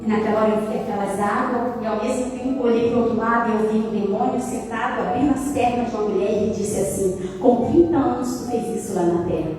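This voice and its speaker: A woman's voice: a little high, brisk, hardly any pauses, darkish tone. A woman preacher giving a fervent testimony sermon, telling her story dramatically and slipping into sung phrases. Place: large echoey church hall. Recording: echoey hall, distant mic, faint music.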